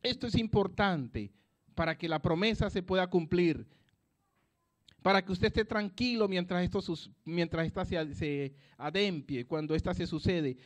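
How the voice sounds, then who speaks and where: A man with a high voice preaches at an evangelistic campaign at a moderate pace. He is emphatic and repeats his phrases, swinging from loud declarations to soft asides.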